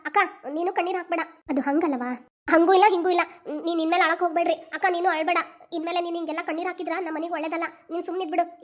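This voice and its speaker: Heartfelt village women of a family voiced by one woman plead and comfort in a North Karnataka accent. The voice sits high and moves quickly. It suits a homemade cartoon family drama. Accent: North Karnataka Kannada. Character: village women of a family, emotional aunt and niece. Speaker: main voice actor of a cartoon channel.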